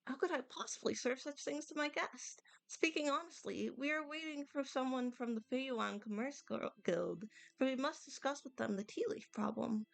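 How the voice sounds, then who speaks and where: A woman's voice: high voice, moderate pace, vocal fry, no echo. Woman voicing a courteous, very old village grandpa. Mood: ashamed. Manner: formal, courteous, old-fashioned phrasing. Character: polite, apologetic elderly village tea farmer, Grandpa Liu. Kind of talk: reading video game dialogue aloud.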